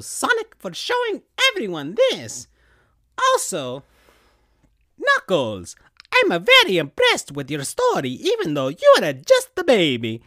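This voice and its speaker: A man voicing a male school principal in a put-on cartoon Italian accent, strained and hoarse. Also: pushed and bright, no room sound, clean studio sound, heavily acted. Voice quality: strained high nasal put-on voice. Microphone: big studio mic.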